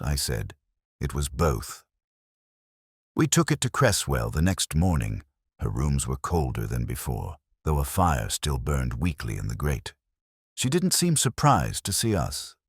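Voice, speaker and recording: A remarkably deep man's voice with a breathy edge tells a literary mystery in the first person. He sounds brooding and measured but rises and falls with life, recorded close and dry without room echo.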